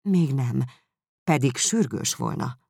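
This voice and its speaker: A man's voice: mid-range voice, lively intonation, creaky, darkish tone, breathy edge, no echo. Weary dry old father, man reading. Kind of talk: audiobook character reading.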